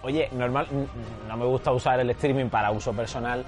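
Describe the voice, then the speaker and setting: A man's voice: medium pitch, steady tone, brisk, soft background music. A man hosting a podcast, asking teasing, playful questions in a casual interview. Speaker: podcast host.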